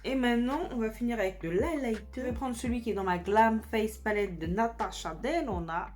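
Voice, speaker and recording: A woman's voice: a little high, fairly quick, darkish tone, faint music behind. Chatty woman vlogging her makeup. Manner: chatty, enthusiastic, addresses viewers directly. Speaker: beauty vlogger. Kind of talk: casual makeup tutorial chat.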